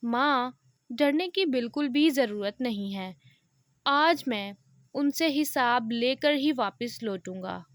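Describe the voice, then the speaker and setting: A woman's voice: a little high, animated, takes it slowly, dry recording, clean studio sound. A woman reading as a resolute young man set on revenge. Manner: firm, resolute speech. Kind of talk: audio novel reading.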